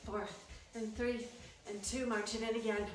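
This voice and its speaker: Female aerobics instructor, slightly high voice, unhurried encouraging workout cues; distant mic in a very reverberant room. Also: little pitch movement. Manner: encouraging, coaching in short cues. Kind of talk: instructional workout cueing with counts. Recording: echoey room, distant mic, music behind. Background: workout music.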